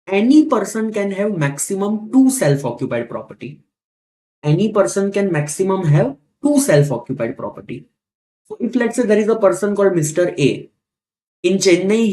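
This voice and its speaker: A man's voice: sits high, a little mellow, poor audio. A man with an Indian accent lecturing as a teacher, repeating key points and asking rhetorical questions in a didactic way. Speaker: tax teacher. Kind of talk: classroom lecture.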